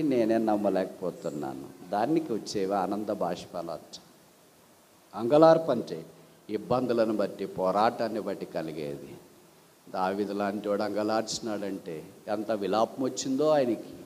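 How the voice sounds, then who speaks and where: A man's voice: fairly low pitch, animated, moderate pace, darkish tone. A male pastor preaching a sermon, asking rhetorical questions and giving homely everyday examples. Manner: switches briefly into English glosses. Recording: long hall reverb.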